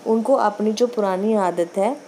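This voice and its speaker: A female teacher with a Punjabi accent lectures on English pronunciation, reading English lines slowly and then quickly explaining them in Hindi. Her mid-range voice is mellow, with slight background noise.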